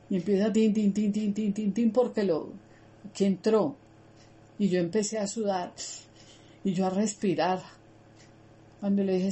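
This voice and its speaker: Warm-voiced woman teaching a Bible study. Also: mid-range voice. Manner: earnest, repetitive, addresses listeners directly.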